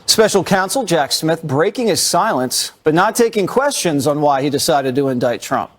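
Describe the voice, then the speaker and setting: A male news anchor reading a scripted report in a crisp, brisk delivery. His voice sits a little above the usual male range, and every line is tight and to the point. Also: a little high, lively intonation.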